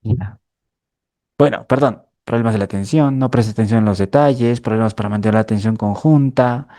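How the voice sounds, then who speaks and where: Man, clinical lecture, lowish mellow voice, dry sound. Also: fairly quick, no room sound. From Peru. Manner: explanatory, frequent checking tags like "¿ya?". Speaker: lecturer in a mental health course.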